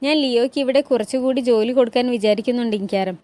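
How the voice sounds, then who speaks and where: A woman reading the part of a loyal male grand vizier who speaks with polite deference. The voice is fairly high and sounds close and dry. It is told as a historical drama recap. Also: fast talker, dark tone, no room sound, natural voice. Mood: deferent.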